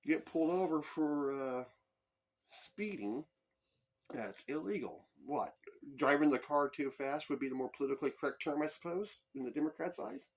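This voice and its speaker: Husky man ranting on a political podcast. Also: a little high, expressive, normal speed. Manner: heated, profane ranting. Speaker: podcast host. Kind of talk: political commentary monologue.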